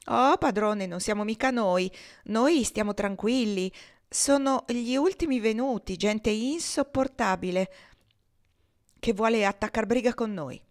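A woman reading as a loud, jeering male buffoon in an audiobook, mocking and mimicking others with a raised, bright voice. He sounds playful and provocative, pitched higher and louder than the narration. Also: measured pace, lightly acted. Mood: wheedling.

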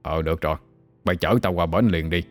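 Man doing a deep-voiced old exorcist. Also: steady tone, quick pace, dry recording, soft background music, natural voice. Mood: gruff. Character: old male village exorcist, gruff and weary.

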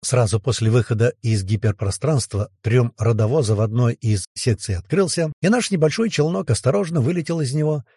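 A man giving steady first-person scripted narration of a science fiction audiobook. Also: mid-range voice, fairly quick, hardly any pauses, husky, no echo, studio quality.

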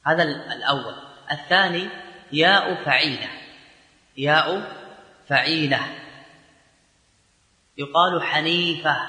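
A man gives a classroom grammar lecture in a bright, forceful voice, pitched a little high. He walks through each rule step by step and stretches the example words slowly. The sound is roomy, with a long hall reverb. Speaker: Arabic grammar teacher.

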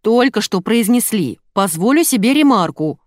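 A woman reader puts on a prim pharmacist who takes offense easily. She speaks slowly and plaintively, with a lively pitch, in a close, dry reading. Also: no echo, natural voice.

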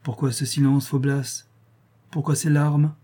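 A man's voice: mid-range voice, little pitch movement, unhurried, warm tone, voice pushed up, close to an everyday voice. A man reading a tender, pleading young countess. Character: young noblewoman, tender and impassioned lover. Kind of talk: audiobook reading of a classic novel.

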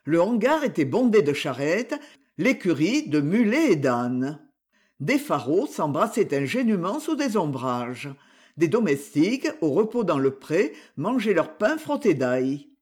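A man narrating a literary audiobook in a measured, expressive way. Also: on the high side, husky.

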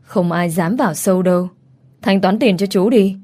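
A woman voicing a blunt, middle-aged taxi driver in a spoken story, short and matter-of-fact. The voice is mellow with a middling pitch. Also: moderate pace, lightly acted.

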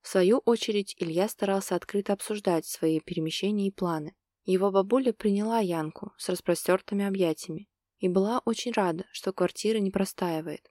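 A woman narrating a romance novel as an audiobook, telling it in an even, steady way. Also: medium pitch, brisk, no room sound, clean studio sound.

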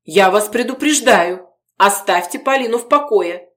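Woman doing an agitated man, forceful, pleading, loud, audiobook character. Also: mid-range voice, lively intonation, very slow, pitched above the performer's own voice, exaggerated voice. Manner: forceful, pleading, raising his voice.

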